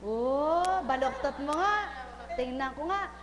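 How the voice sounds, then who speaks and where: High-voiced woman faith healer, slow and teasing. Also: lively intonation, big-room sound. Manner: playful and teasing, short repeated questions. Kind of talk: live healing session, questioning a patient.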